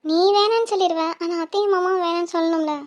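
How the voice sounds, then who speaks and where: A high-pitched voice plays the girls and women of a home-made animated cartoon. It moves between soft worry among friends and a mother's cutting scorn. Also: quick pace, dull audio. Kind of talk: animated Tamil cartoon voice acting.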